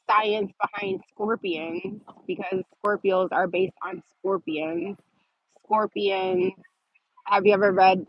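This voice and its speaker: A woman's voice: mid-range voice, no room sound, muffled recording. A woman hosting a casual livestream, reading viewer comments aloud and answering them with sarcasm and laughter.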